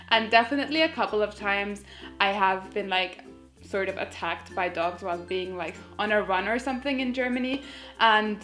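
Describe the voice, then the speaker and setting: A young woman from Finland, chatting casually to camera in a bright room and gesturing as she talks. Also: mid-range voice. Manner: chatty, gesturing with both hands. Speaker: vlogger. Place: indoors, bright room in front of a sofa.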